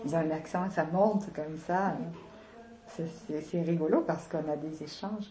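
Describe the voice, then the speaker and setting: A middle-aged woman from the south of France tells her story in a casual interview, her southern French accent clear in every phrase. Her voice sits low and mellow. She talks freely, laughs often and stops on little fillers as she searches for words. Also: moderate pace. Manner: chatty, laughs often, hesitant with many fillers. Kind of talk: casual personal conversation.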